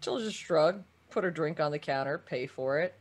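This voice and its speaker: A man's voice: fairly high pitch, moderate pace. A man talking casually as a player in a tabletop game. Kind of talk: casual chat.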